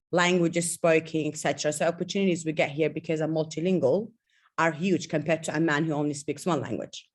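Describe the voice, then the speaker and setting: A woman in her thirties, originally from Iraq, speaking emphatically and confidently on an online video call panel. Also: sits low. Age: 30s. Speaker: guest participant.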